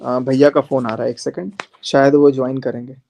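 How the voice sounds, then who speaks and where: A man's voice: mid-range voice, flat delivery, fairly quick, creaky, dark tone, slight background noise. A man speaking on a live stream, defiant and challenging, often repeating his phrases as he dares his critics to join him. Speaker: social media creator on a live stream. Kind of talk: heated live-stream monologue.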